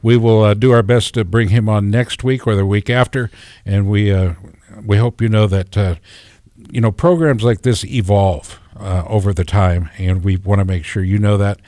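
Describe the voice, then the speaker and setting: A man's voice: fairly low pitch, steady tone, normal speed, warm tone, dry recording. A man hosting a radio show in a chatty, folksy, joking way. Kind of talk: casual radio talk.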